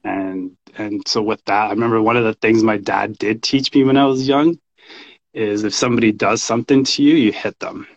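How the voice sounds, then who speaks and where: In a slightly dull, lo-fi recording, a fairly deep-voiced Canadian in his thirties, with some vocal fry, shares personal stories as a podcast guest. He's a men's coach and shamanic practitioner, and he speaks casually and haltingly, as in a relaxed interview.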